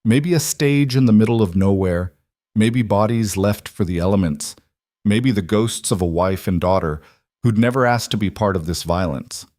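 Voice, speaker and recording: A man narrating a scripted Western story in a steady, measured way. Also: fairly low pitch, no room sound, clean studio sound.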